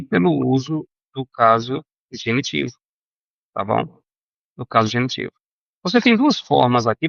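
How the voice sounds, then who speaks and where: A man teaching a recorded Greek grammar lesson, halting with fillers and self-corrections and often checking in with his students. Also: medium pitch, creaky, a bit bright, no room sound, muffled recording.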